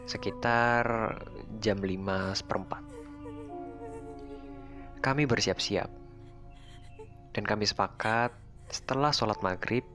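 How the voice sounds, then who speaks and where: A man narrating a first-person horror story in a relaxed, conversational way. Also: medium pitch. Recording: faint music underneath. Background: faint background music.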